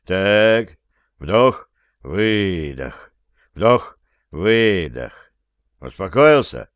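A man's voice: on the low side, slow pace, smooth, no room sound, studio quality. A man voicing a stern male team leader who barks firm orders. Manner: firm, commanding.

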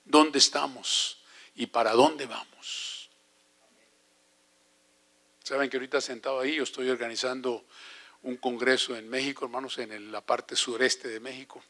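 A man's voice: medium pitch, normal speed, long pauses. An older man preaching a sermon as an evangelist, telling stories animatedly and asking the congregation questions. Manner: animated storytelling with rhetorical questions.

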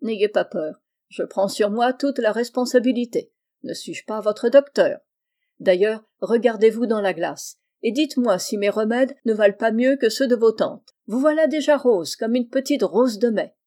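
A woman reading the part of a kindly middle-aged uncle and doctor, speaking in a gentle, reassuring way. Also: on the high side, moderate pace, close to an everyday voice. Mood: tender.

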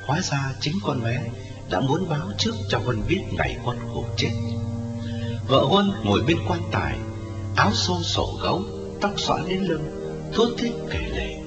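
A man's voice: on the high side, big pitch swings, normal speed, far from the mic. A man narrating a scripted audio story in a dramatic way. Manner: dramatic, widely varied intonation. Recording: echoey reverberant audio story with music, slightly dull. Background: music.

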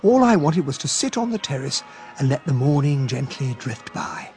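An actor playing a genteel, earnest English captain, a detective's loyal companion, narrating and talking in a radio drama with an English accent. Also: male voice, mid-range voice, sing-song, moderate pace, a little mellow, faint music behind. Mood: reflective narration. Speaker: narrator and sidekick.

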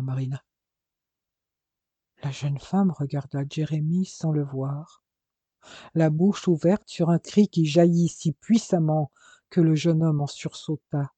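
A man narrating a novel in a measured, dramatic storytelling manner. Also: a little high, mellow, no echo. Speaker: audiobook narrator. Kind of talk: scripted narration of a romance novel.

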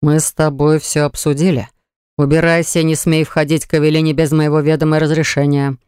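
A reader doing an icy, commanding mage lord. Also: male voice, a little high, little pitch movement, takes it slowly, clean tone, no echo, clean studio sound. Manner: icy, curt, authoritative. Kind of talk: audiobook character voice.

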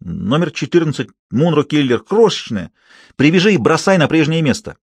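A man reading an audiobook and voicing an adult male hunter who shouts urgent fishing instructions. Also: on the high side, very animated, normal speed, vocal fry, husky, no room sound, pitched above the performer's own voice, full character voice. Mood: urgent shouting.

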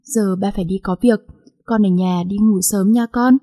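A woman voicing a gentle, hardworking poor father who speaks tenderly and reassuringly to his daughter in a storybook reading. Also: medium pitch, fairly even intonation, normal speed, natural voice.

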